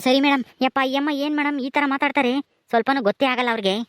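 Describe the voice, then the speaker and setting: Brief: woman as a deferential, chatty constable, high voice, fast talk. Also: steady tone, no room sound, studio quality, close to an everyday voice. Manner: deferential, gossipy. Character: dutiful police constable, chatty.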